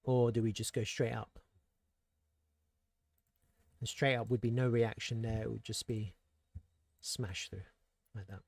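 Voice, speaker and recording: A man's voice: lowish voice, fairly even intonation, a little slow, gravelly, pauses often, a little mellow, no echo. A man giving casual, thinking-aloud commentary on crypto charts and world events, with rhetorical asides and frequent restarts. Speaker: crypto market analyst.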